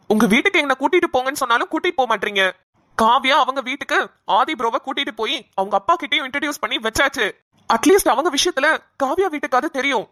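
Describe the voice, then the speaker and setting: A woman's voice: high voice, pushed and bright, no room sound, clean studio sound. A woman voicing a young male doctor in a cartoon, pushy and demanding as he presses his girlfriend for an answer. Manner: pushy, demanding, rapid questioning. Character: young man, insistent doctor pressing for marriage. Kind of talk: cartoon voice acting.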